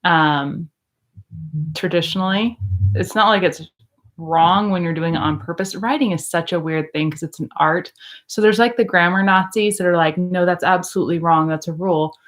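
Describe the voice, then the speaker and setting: Chatty lower-voiced teacher woman vlogging. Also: normal speed, fairly bright tone. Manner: chatty, rambling, frequent ums and likes. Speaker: English teacher. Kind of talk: casual vlog chat.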